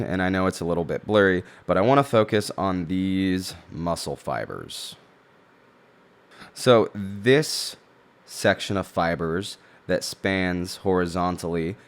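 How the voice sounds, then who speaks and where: A man giving a tutorial on vocal technique, explaining things step by step as a teacher. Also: low voice.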